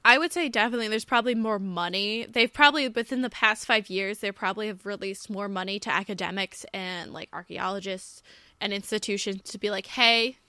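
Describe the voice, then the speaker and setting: A woman's voice: medium pitch, fairly quick, sharp tone, smooth, no echo. A woman co-hosting a podcast, chatty and loose with her words. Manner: chatty, lots of "like" fillers. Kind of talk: casual podcast chat.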